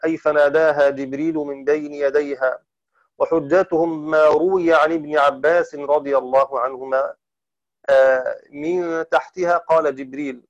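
A man's voice: on the high side, dry recording. Man explaining Quran readings, dull recording. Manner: deliberate, slows down to chant quoted verses. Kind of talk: explaining variant Quran recitations.

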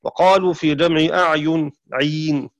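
A man giving a methodical scholarly lesson on Quranic readings, slowing down to chant the verses he explains. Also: a little high, fairly even intonation, no echo. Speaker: Quran recitation teacher. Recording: dry, dull lo-fi recording.

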